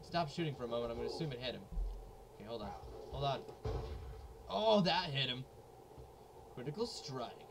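A man giving jokey, excitable let's play commentary, often repeating himself as he plays. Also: mid-range voice, moderate pace, pauses often. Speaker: gaming YouTuber. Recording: noisy home recording.

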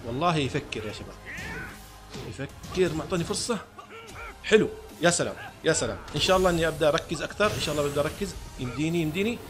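A man giving excited live commentary on a fighting game, talking to his viewers and taunting his opponent. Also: on the high side, very fast, faint music behind. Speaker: gaming YouTuber.

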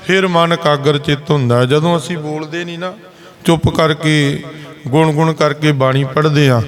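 Man preaching, chanting verses between. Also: on the high side. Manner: slow, explanatory, breaks into chanted verse. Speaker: Sikh preacher giving katha. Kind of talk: sermon with sung scripture lines. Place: gurdwara.

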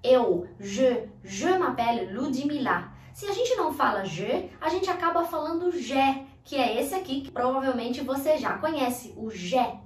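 A woman from Brazil teaching an online language lesson, demonstrating sounds clearly and slowly. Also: sits high, expressive, reverberant, recorded from a distance.

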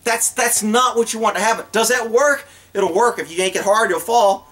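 Talking horses casually at a normal speed, a high-pitched middle-aged man who trains horses and vlogs gives impromptu instruction to the camera on open rural land outdoors. He is animated, blunt and folksy, acting out dialogue he imagines.

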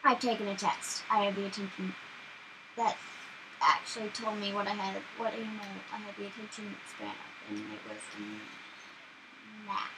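A young woman hosting a gaming channel, chatting casually and excitably while she plays, often startled. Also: medium pitch, moderate pace, background noise. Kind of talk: casual gameplay commentary.

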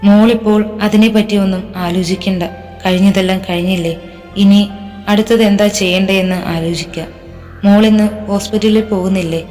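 A woman's voice: mid-range voice, steady tone, fairly quick, a little mellow, close to an everyday voice. Brief: affectionate middle-aged aunt, voiced by a woman narrator, storybook serial, reverb and music.

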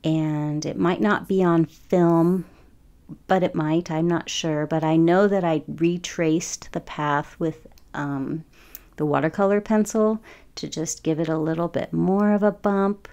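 A woman's voice: sits low, fairly even intonation, unhurried, darkish tone, clean tone, muffled recording. A woman in her forties chatting casually over her painting process, rambling with frequent ums. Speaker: watercolor artist.

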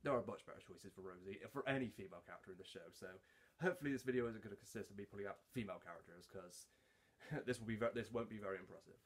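A man's voice: lowish voice, rapid-fire, husky. A man chatting casually to camera as a fan voice actor, rambling and self-deprecating.

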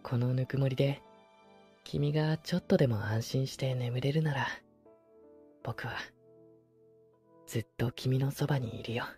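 A male actor playing a gentle, devoted supernatural young man in an ASMR role-play of intimate bedside pillow talk, soft and hesitant. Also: a little high, expressive, slow, long pauses, faint music behind. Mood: tender, affectionate. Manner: soft, tender, breathy, hesitant.

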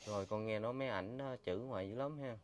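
A man with a Mekong Delta accent hosting a charity vlog, gently questioning an old woman and often exclaiming in sympathy. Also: on the low side, fast, a little hiss or hum. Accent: Mekong Delta Vietnamese. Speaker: charity vlogger host. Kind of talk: street interview and vlog intro.

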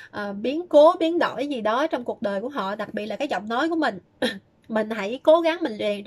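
A woman giving chatty, casual advice, often starting sentences with filler words. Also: fairly high pitch. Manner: chatty, many fillers and repeated "đó". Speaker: fortune-telling vlogger. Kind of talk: casual spoken advice talk.

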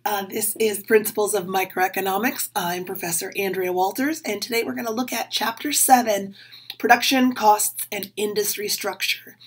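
A woman professor lecturing with a hoarse, husky voice. She keeps an upbeat, clear teaching tone as she lays out the day's material. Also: mid-range voice, fairly even intonation, moderate pace. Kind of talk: recorded lecture.

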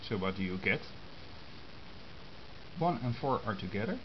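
Very animated yet on the low side in pitch, this man from the Netherlands casually explains his hand-drawn diagrams one step at a time, in short, broken phrases. As a radio amateur filming a tutorial, he's captured by a compact camera's built-in mic, with muffled audio and hiss.

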